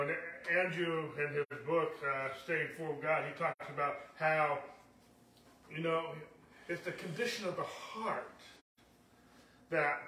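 A man's voice: on the high side, bright, forceful tone, slight background noise. A man teaching a conversational sermon to a congregation, telling stories and often backing up to restart his sentences, recorded from a distance in a church meeting hall. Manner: storytelling, often backs up and restarts. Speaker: Bible teacher.

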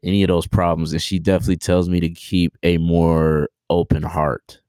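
Low-voiced young man chatting casually. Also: moderate pace, no echo. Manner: relaxed, rambling, slangy, lots of fillers and restarts. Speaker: podcast guest. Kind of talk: casual interview chat.

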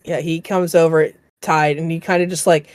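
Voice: medium pitch, level tone, moderate pace, dry recording. Game master, androgynous mid-range voice, tabletop narration, casual, swearing, very dry close sound. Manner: casual, profane.

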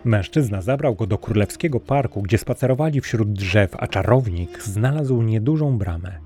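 Male fairy-tale narrator, mellow and low-pitched, measured delivery. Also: lively intonation, soft background music. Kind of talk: storybook narration.

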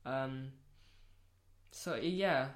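Guesting on a friend's casual podcast, this young woman, Rwandan-born and South London-raised, talks openly, curses freely and repeats herself for emphasis. She has a very deep voice and draws out her words.

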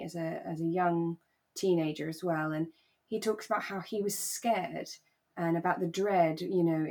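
With a lowish voice, this podcast co-host reflects on a radio drama in a relaxed, thoughtful manner. She repeats phrases to emphasize her points.

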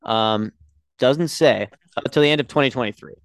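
Young man, podcast co-host, animated storytelling, frequent swearing, smooth voice. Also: medium pitch, moderate pace, dry recording. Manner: animated storyteller, swears freely, acts out quotes. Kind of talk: casual chat.

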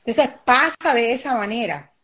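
Woman guest coach, emphatic and repetitive, a touch high-pitched, online live call. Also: lively intonation, moderate pace, sharp tone, husky. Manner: emphatic, repeats key phrases. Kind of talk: advice-giving conversation.

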